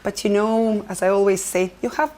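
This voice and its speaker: Grateful woman guest, halting phrasing. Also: medium pitch, steady tone, dark tone. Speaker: interview guest. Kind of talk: closing remarks in an interview.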